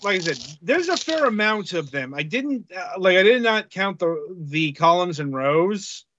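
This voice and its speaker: A man co-hosting a casual game-review podcast, talking haltingly with many fillers. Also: sits high, very animated, sharp tone, no echo, highs cut off. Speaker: podcast co-host reviewing games.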